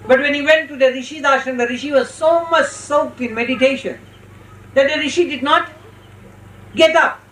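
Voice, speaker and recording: A spiritual teacher giving a religious discourse with parables, speaking instructively and slowly in short phrases with deliberate pauses. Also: high voice, a bit bright. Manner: instructive, checks listeners' understanding. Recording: roomy, distant mic with faint noise.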